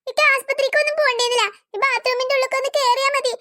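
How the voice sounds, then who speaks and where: A woman's voice: very high-pitched, flat delivery, rapid-fire, bright, forceful tone. A woman voicing a stubborn, desperate little girl in a cartoon who insists and refuses again and again. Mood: insistent. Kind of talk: cartoon voice acting.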